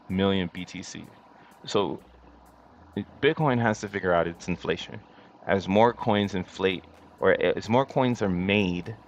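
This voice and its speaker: A man hosting a casual crypto livestream in slangy, hyped-up crypto bro talk, chatting to his viewers with drawn-out emphasis. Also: low voice. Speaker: livestream host. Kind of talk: casual crypto commentary to a live chat. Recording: dull lo-fi mic with faint background noise.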